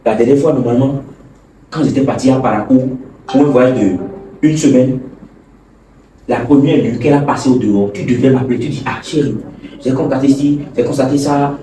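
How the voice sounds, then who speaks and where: A man's voice: mid-range voice, steady tone, fairly quick, mellow, a little hiss or hum, close to an everyday voice. A man playing a stern older brother who lectures and scolds, often stammering over words. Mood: lecturing angrily. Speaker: actor in a web skit. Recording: echoey room, far from the mic.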